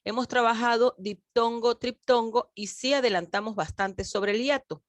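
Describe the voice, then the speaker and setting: A woman teacher with a fairly high-pitched voice records a grammar lesson in a dry acoustic. Slow and emphatic, she stretches out important words and speaks straight to her pupils.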